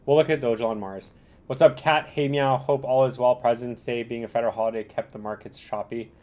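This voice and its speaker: A man hosting a casual livestream commentary, talking in a slangy bro style with a rambling, halting delivery. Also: medium pitch, steady tone, darkish tone. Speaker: livestream host reviewing cryptocurrency charts.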